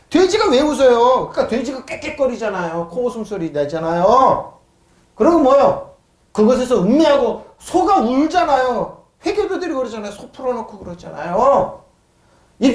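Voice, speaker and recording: A male pastor with an extremely high-pitched voice preaches a sermon in a church sanctuary, repeatedly asking his congregation questions and supplying the answers himself. He raises his voice to mock scoffers, and the sound is roomy.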